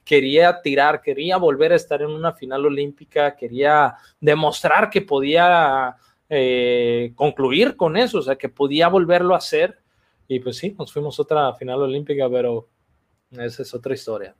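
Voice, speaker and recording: Relaxed Mexican man telling stories. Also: a little high, moderate pace. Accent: Mexican Spanish. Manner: relaxed, slangy, animated retelling. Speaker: archery athlete guest. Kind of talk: casual interview storytelling.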